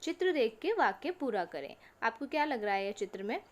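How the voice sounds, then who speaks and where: A woman teacher giving an online lesson to young children. She reads words slowly, one at a time, and asks questions that she answers herself. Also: fairly high pitch, very animated. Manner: slow, drawn-out word-by-word reading for children. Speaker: school teacher.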